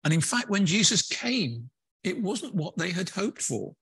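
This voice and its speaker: Husky-voiced man preaching a sermon. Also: high-pitched, big pitch swings, unhurried, fairly bright tone, no room sound. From England. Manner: conversational, with hesitant fillers and restarts. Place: church.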